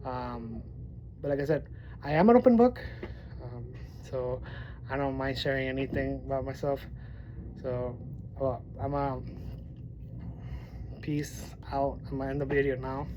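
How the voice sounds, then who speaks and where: Over a noisy background, a man from Miami, Florida, talks casually in his poetry vlog at a measured pace, pausing often. He has a mild speech impediment and a mid-range voice, and his rambling talk is full of fillers and restarts.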